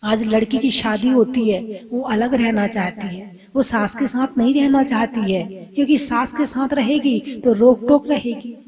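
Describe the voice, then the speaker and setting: A woman's voice: a little high, unhurried, few pauses, darkish tone, breathy edge. A Jain nun giving a sermon in a conversational way, asking her listeners questions and acting out scolding family members. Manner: conversational, asks the audience questions.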